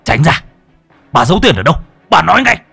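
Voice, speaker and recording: A man voicing a brutish young gambler son, low and menacing as he wheedles and threatens his mother. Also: lively intonation, unhurried, a bit bright, no echo, faint music behind. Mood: furious. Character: brutish grown son, gambler, violent bully.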